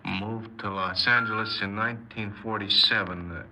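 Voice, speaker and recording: In the style of 1950s radio drama, an actor plays a sullen, aimless young man confessing his crimes, offhand and hesitant in a subdued mood. His natural voice is lowish, fairly even in intonation and moderately paced, captured on a noisy old radio recording.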